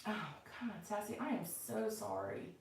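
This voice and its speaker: A woman's voice: mid-range voice, big pitch swings, a little slow, slight background noise. A middle-aged woman chatting casually and unscripted to viewers as the host of a livestream from home. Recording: very echoey room, far from mic.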